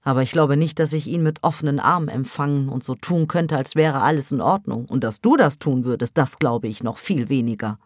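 A woman's voice: a bass voice, a little fast, few pauses, a little mellow, no echo, clean studio sound. A woman reading an audiobook, voicing a blunt, impatient grown daughter who speaks firmly and matter-of-factly. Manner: firm and matter-of-fact.

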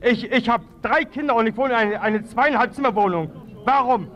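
Very high-voiced man, stumbling appeal. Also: a bit bright, faint music behind. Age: 30s. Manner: halting, stumbling, restarts and repeats words. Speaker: father of three speaking at a public forum. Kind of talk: unscripted public appeal. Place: outdoor public square.

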